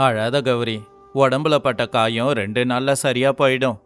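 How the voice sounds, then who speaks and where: A man voicing a poor, weary and honest young laborer in an animated story, with a pleading, earnest way of talking. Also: mid-range voice, moderate pace, clear, resonant tone, faint music behind, close to an everyday voice. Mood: gentle. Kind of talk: storybook voice acting.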